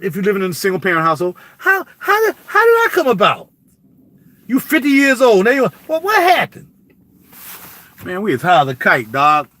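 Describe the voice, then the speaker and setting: In a casual vlog, a male YouTuber speaks to camera, preaching in animated street talk with big pitch swings. His voice is high, bright and forceful, and the recording is dry and close-miked with no room sound.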